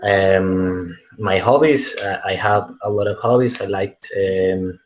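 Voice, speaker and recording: Man from Colombia, lowish voice, calm and polite, video call. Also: takes it slowly. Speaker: geologist, club member. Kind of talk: casual chat on video call.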